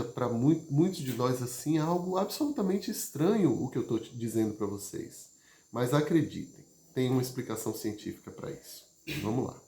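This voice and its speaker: A man leading a live session, moving between loud emphasis and soft, gentle speech. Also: mid-range voice. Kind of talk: live talk to an audience. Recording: roomy, echoey sound.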